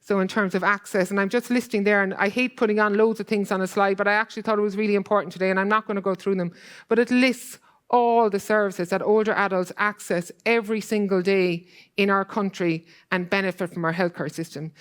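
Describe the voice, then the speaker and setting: A woman giving a conference talk, speaking earnestly and quickly, with many fillers like "kind of" and "like". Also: medium pitch, steady tone. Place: conference hall.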